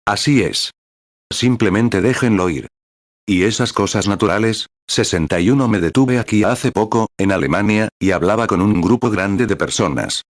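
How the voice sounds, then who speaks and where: A man reading a sermon aloud in a steady, measured way, calling out paragraph numbers as he goes. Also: on the low side, dry recording, studio quality. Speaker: sermon reader.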